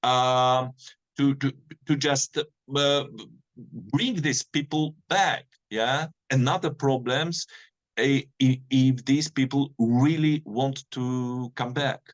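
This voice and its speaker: A man with a Polish accent answers as an interviewed correspondent in English. His delivery is very slow and hesitant, in a medium-pitched voice, with questioning tags closing his phrases. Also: fairly even intonation, lo-fi sound. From Poland. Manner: halting, hesitant delivery with frequent "yeah?" tags. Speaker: war correspondent being interviewed.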